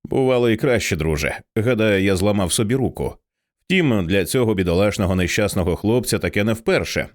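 Casting: man doing a hurt, gruff, sarcastic man in an audiobook, low voice. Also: expressive, fairly quick, close to an everyday voice. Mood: pained sarcasm. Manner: sardonic, clipped.

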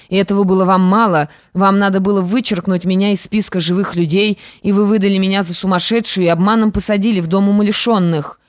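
A woman's voice: medium pitch, no echo, clean studio sound, lightly acted. A woman voicing a defiant young stepdaughter in an audiobook, firm and reproachful. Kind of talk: audiobook character reading.

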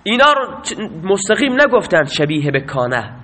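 A man's voice: high-pitched, big pitch swings, pushed and bright. A man teaching a grammar lesson, asking questions and answering them himself.

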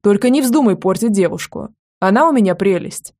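Woman doing a brash, loud young guy, indignant, slightly gravelly storybook voice. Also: medium pitch, expressive, brisk. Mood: insistent. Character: brash loud young man, boutique owner.

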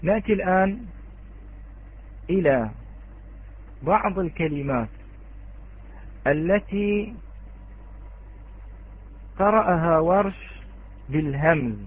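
A man teaching Quranic readings to his students, his voice husky and set a little high. He goes slowly and repeats each key word. The sound is thin and tinny, like a phone call. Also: lively intonation. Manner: slow, repeats key words, addresses students directly. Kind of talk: online lesson on Quranic readings.

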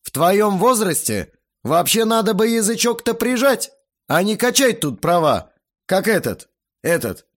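Man doing a blustering, shouting fat uncle. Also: high-pitched, very animated, measured pace, pitched above the performer's own voice, heavily acted. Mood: indignant shouting. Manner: shouting, sputtering. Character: blustering fat middle-aged uncle, red-faced, indignant.

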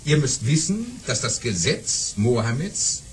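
An actor playing a boastful, excitable baron telling tall tales in a radio play, bombastic and repeating words for emphasis. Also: male voice, mid-range voice, a little slow, slight background noise, low-quality recording. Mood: boastful, excited.

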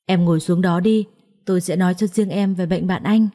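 A woman's voice: fairly low pitch, steady tone, mellow, natural voice. A woman playing a serious male doctor. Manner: measured, explaining. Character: serious hospital doctor, male, middle-aged.

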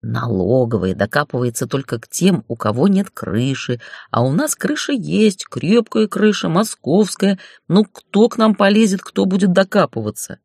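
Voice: mid-range voice, sing-song, moderate pace, hardly any pauses, darkish tone, breathy edge, no echo, studio quality. A narrator voicing a crude, foul-mouthed middle-aged male boss who bullies and mocks in an audiobook. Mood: wheedling. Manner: bullying, swearing, mocking. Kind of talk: audiobook character voice.

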